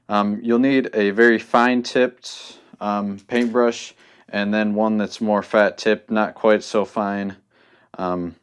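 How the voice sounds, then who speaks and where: A man's voice: lowish voice, clear, resonant tone. Rambling young man explaining a hobby craft. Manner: loose and rambling, many ums and restarts. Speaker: hobby tutorial host. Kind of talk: casual spoken tutorial.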